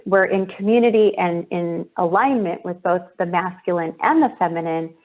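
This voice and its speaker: A woman's voice: lowish voice, moderate pace. Woman, interview host, effusive, complimentary, video call, narrow phone-like sound. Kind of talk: online interview.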